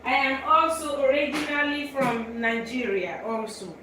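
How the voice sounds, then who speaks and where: A woman's voice: sits high, steady tone, moderate pace, echoey room, crowd noise, poor audio. A woman from Belgium hosting a live cooking show, chatting and explaining each step as she works in her kitchen. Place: home kitchen.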